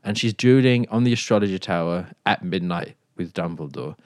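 A man's voice: deep voice, lively intonation, fairly quick, darkish tone, no room sound. A man co-hosting a podcast, rambling playfully and giggling in casual chat. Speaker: podcast co-host. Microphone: headphones and studio mic.

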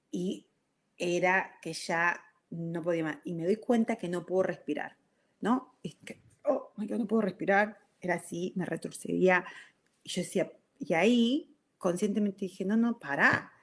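A woman, telling viewers a personal story in an emotional, animated way, dropping in English fillers and checking in with "ok?". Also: fairly low pitch. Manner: frequent "¿ok?" check-ins to the audience.

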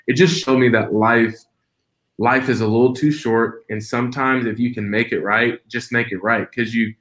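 A man's voice: medium pitch, fairly even intonation, moderate pace, a bit bright. A man in his twenties, a preacher and podcast guest, telling a personal story in an earnest, reflective way with frequent restarts. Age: 20s.

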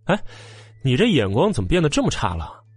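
Voicing an arrogant, mocking young man who is an old friend in an audiobook, a man sneers and taunts at a quick pace with lively intonation. His mid-range delivery sits a bit above his own natural voice yet stays close to an everyday tone. It's a dry close-mic recording with no echo and faint music underneath.

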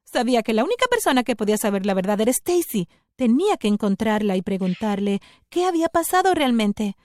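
A woman narrates a scripted first-person story with an expressive delivery. Her pitch is a little high and swings widely. The recording is dry and close, with no room sound. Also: a little fast, no echo.

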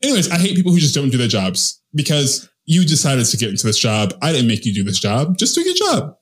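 Animated swearing man telling a rant. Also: fast talker. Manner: animated storyteller, swears, swoops up in pitch at punchlines. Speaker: co-host of a film podcast. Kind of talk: casual chat.

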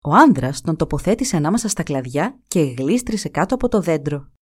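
A woman narrating a folk tale in an expressive, dramatic storytelling manner. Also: low voice, slightly rough.

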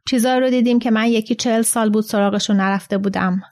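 A woman reading the lines of a calm, measured old man in a storybook reading. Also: a little high, close to an everyday voice.

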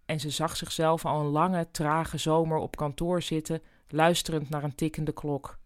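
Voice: mid-range voice, level tone, moderate pace, clean tone, no echo, studio quality. A narrator reading a novel aloud in a plain, matter-of-fact storytelling manner. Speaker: audiobook narrator. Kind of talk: scripted narration.

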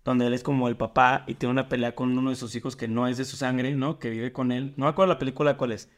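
Rambling podcast co-host. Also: male voice, medium pitch, little pitch movement, fast talker. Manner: reflective, meandering storyteller. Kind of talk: casual podcast chat.

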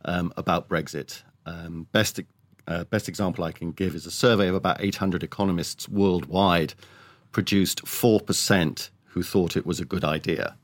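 A man's voice: low voice, steady tone, normal speed, no echo. A man giving emphatic, opinionated commentary as a columnist guest in an interview. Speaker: economics columnist, podcast guest.

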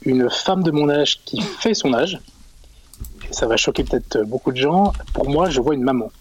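A man in his forties calling in to a radio show, talking in a halting way with many pauses and fillers. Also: medium pitch, lively intonation, a little mellow, breathy edge, poor audio. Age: 40s. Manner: hesitant, halting, frequent fillers. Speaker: caller. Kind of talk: radio call-in chat.

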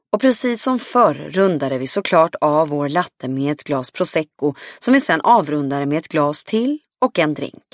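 Woman audiobook narrator, low-ish voice, even read, dry studio. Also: dry recording. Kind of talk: scripted first-person narration.

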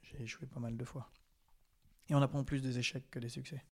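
A young man from France talks fast as a podcast guest. He keeps stopping to restart his sentences and fills the gaps with small hesitations. His tone stays casual and conversational. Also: mid-range voice, flat delivery.

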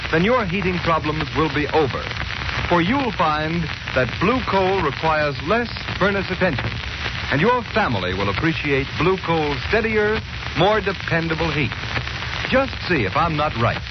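A man's voice: on the high side, very animated, normal speed. Male announcer for a chipper vintage radio ad, emphatic salesman, muffled and noisy recording. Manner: upbeat, polished, emphatic salesmanship.

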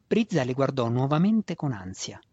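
A man narrating an audiobook in a steady, measured way, his voice husky and breathy. The recording is dull and lo-fi, dry with no room sound at all. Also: mid-range voice, no room sound.

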